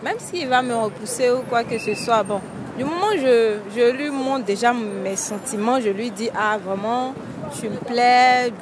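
A woman's voice: a little high, a little slow. A young woman answering a street interview confidently and at length into a handheld mic. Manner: talkative, confident. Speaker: passer-by interviewee. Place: city street at night. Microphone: interviewer's handheld microphone. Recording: outdoor street noise.

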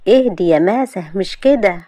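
A woman's voice: mid-range voice, animated, fairly quick, dark tone, dry recording, natural voice. A playful, knowing young woman friend, read by a woman storyteller. The recording is dry and close. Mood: teasing. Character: teasing young female friend.

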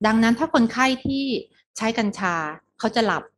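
A woman's voice: a little high, animated, moderate pace, a little hiss or hum. A middle-aged woman giving a medical lecture, explaining step by step with English terms and frequent polite particles.

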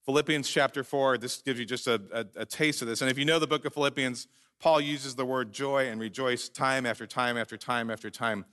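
A man preaching a sermon as pastor, earnest and emphatic, slowing down to read scripture aloud. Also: mid-range voice, steady tone, sharp tone. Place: church sanctuary.

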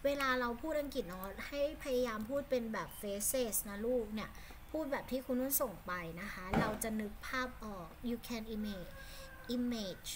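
A woman with a Thai accent teaching English to children online, giving warm praise and speaking her English slowly. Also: on the high side, noisy background. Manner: warm praising, switches between Thai and English, slow deliberate English.

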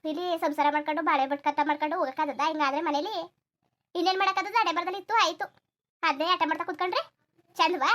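A woman doing a shrill, nagging cartoon mother-in-law. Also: steady tone, fast, fairly bright tone. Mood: grumbling. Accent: rural Karnataka Kannada. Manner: complaining, nagging. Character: nagging older village mother-in-law, grumbling. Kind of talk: cartoon voice acting.

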